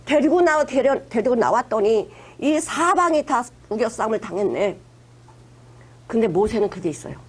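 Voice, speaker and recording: High-pitched woman pastor preaching. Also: animated, moderate pace, husky. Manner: retells scripture with acted quotes, emphatic and conversational. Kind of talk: sermon.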